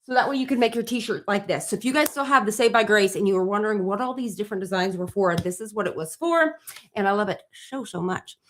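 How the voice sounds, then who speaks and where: A woman's voice: mid-range voice, quick pace. Bubbly woman hosting a live stream. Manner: bubbly, gushing, talks straight to viewers. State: tired from little sleep. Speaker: livestream host and small business owner. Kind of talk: casual live stream chat.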